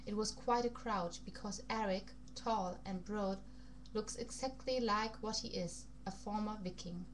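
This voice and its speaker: A woman's voice: medium pitch, measured pace. Casting: woman, amateur audiobook-style reader, put-on foreign accent, occasional stumbles, slight hum and noise on the recording. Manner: stumbles over words and rereads phrases. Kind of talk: amateur reading aloud of a vampire novel. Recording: noisy recording with background hum.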